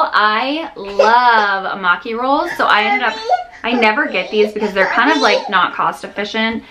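A slightly high female voice, with background noise, comes from a thirty-something vlogger doing a casual grocery haul chat in her kitchen. She sounds worn out, meandering with frequent restarts and fillers, recorded close up by a camera on the counter.

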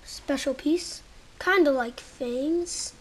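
Casually reviewing toys at home, a woman with a high voice speaks haltingly and gropes for words. While handling pieces she sometimes drops almost to a whisper, all captured on a handheld camera held close.

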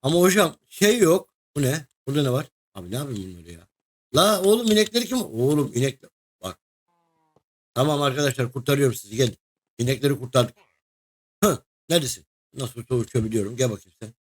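A young man narrates his gameplay in a loose, chatty way. He is excitable and keeps calling out to the creatures he fights and to his co-player, in a mid-range voice. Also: medium pitch, quick pace. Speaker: gaming video host. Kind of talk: casual let's-play commentary.

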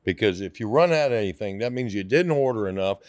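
A man's voice: on the low side, expressive, quick pace, no echo. A man in his sixties, a restaurant owner, talking casually in an interview with many fillers and restarts, into a studio microphone. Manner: rambling, hesitant with many fillers. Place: podcast studio. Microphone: studio mic on boom arm.

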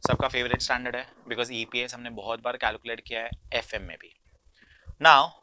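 A man's voice: medium pitch, flat delivery, racing, background noise. A young man with an Indian accent teaching a lesson, mixing Hindi and English mid-sentence and repeating key phrases as he works through problems. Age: young adult. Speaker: accounting teacher. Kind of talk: instructional lecture working through problems.

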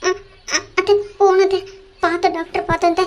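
A woman's voice: very high voice, flat delivery, a little fast, a little mellow, pitched above the performer's own voice. A woman putting on a stammering nervous young niece. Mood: nervous pleading. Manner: stammering, pleading. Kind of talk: cartoon voice acting.

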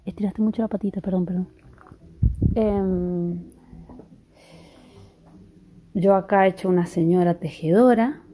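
A young woman vlogs casually from her rural house, her voice low and weak from illness, often half-whispering and cooing at dogs. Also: fairly even intonation, unhurried, pauses often, dark tone. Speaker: vlogger. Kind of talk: casual vlog narration. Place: rural house, partly outdoors.

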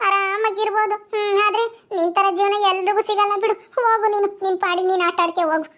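A woman's voice: very high-pitched, steady tone, fast, a bit bright, dull audio. A woman playing a married village woman who has been thrown out of her home. She laments tearfully and sighs often. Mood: lamenting. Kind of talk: village comedy skit.

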